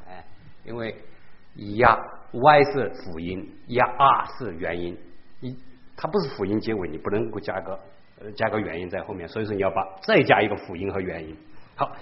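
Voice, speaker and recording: A man leading a casual Bible study lesson, talking in an animated way, repeating himself and dropping in English words. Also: lowish voice, muffled recording.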